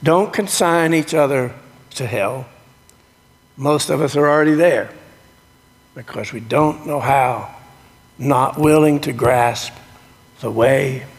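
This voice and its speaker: A male pastor leads the liturgy with slow, deliberate phrasing and a gravelly edge to his voice. Every word rings out in a long cathedral echo that fills the church sanctuary. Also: mid-range voice, fairly bright tone. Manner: slow, measured liturgical delivery. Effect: cathedral echo, long church reverb. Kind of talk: sermon and communion liturgy. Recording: long echoing church reverb.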